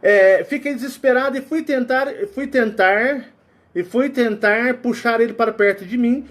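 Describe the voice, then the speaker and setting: A man with a Brazilian Portuguese accent giving a casual spiritual talk, sweating and animated as he acts out sounds and quotes. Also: extremely high pitch, moderate pace. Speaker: spiritual channel host.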